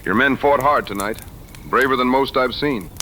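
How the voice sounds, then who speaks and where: An actor playing Davy Crockett, a rugged, plainspoken, humble frontier hunter with folksy phrasing in an audio adventure drama. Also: male voice, medium pitch, normal speed, pushed and bright, slight background noise, close to an everyday voice. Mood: humble, solemn.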